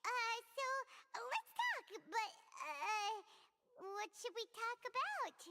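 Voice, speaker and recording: Paimon, une petite fée bavarde à voix très aiguë. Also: female voice, very high-pitched, huge pitch swings, slow, bright, forceful tone, full character voice. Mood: chirpy, fidgety. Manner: talks about herself in third person, flustered. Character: tiny chatty floating fairy companion girl. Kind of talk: video game voice acting. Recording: game audio with faint hiss and long reverb.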